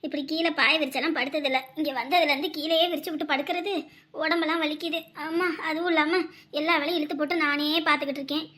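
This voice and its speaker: A woman's voice: high-pitched, steady tone, fast talker, sharp tone. A woman playing a complaining, scheming middle-aged mother-in-law in a family drama. She has a Tamil Nadu accent and moans as she talks. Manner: whiny, moaning complaints.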